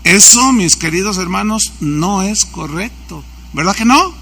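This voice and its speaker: A male pastor delivers a sermon. His voice is very bright and sits high for a man. He acts out anecdotes and asks the congregation questions. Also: expressive, measured pace, slight background noise. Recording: church service recording.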